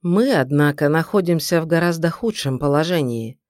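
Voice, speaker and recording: A woman voicing a calm, grim young male king in an audiobook, speaking in a measured, reassuring way. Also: deep voice, dry recording, clean studio sound. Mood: calm, grave. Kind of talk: audiobook character reading.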